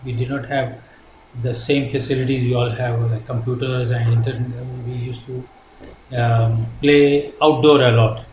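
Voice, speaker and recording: Answering casual interview questions, an older Indian man whose first language is Hindi speaks sincerely yet haltingly, often restarting sentences. His mid-range voice shows little pitch movement, recorded in an echoey room with faint hiss.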